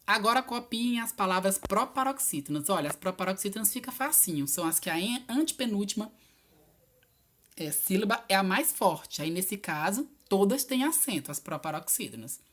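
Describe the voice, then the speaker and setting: A woman teacher talks her class through homework answers in a recorded video lesson. She is patient and encouraging, and she stresses each word as she spells it out. Her voice sits at an ordinary middle pitch. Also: lively intonation, moderate pace, fairly bright tone. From Piauí, Brazil.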